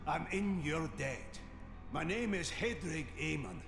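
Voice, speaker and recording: A gruff village blacksmith for a video game, his gravelly voice swinging widely in pitch. The line sits in a roomy space with clear game music behind. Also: expressive, unhurried. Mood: grateful.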